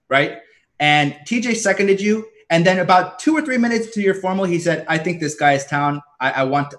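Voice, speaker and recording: A man's voice: fairly high pitch, a bit bright. A man losing his voice, insistently arguing his side in a live party game and repeating his points. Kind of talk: heated game argument.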